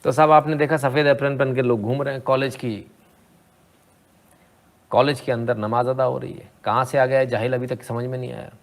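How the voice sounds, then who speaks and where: A man with a gravelly, fry-edged voice at a middle pitch delivers opinionated commentary on video clips. He talks sarcastically and rhetorically, turning to the listener with questions. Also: level tone, a little fast, a little hiss or hum. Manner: sarcastic, rhetorical, asks "hmm?" to the viewer. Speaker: commentator reacting to debate clips.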